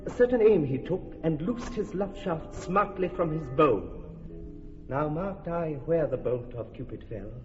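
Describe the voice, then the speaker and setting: A man's voice: a little high, lively intonation, unhurried. A man voicing Oberon, a jealous and commanding fairy king, with stern declamation. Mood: wondering. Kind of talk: radio drama acting. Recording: echoey, dull lo-fi radio with long reverb, music.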